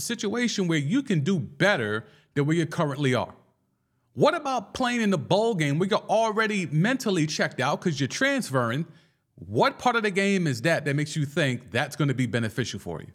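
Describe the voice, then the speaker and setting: A man hosting a casual sports podcast, talking in an animated and slangy way and firing off rhetorical questions. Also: on the high side. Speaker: podcast host.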